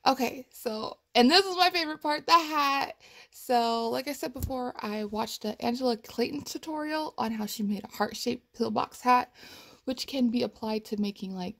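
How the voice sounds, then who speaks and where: A woman's voice: fairly high pitch, creaky. A young woman chatting casually through her cosplay progress photos, rambling and laughing, her voice cracking a little. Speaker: cosplay vlogger. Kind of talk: casual chat. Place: home, at her computer.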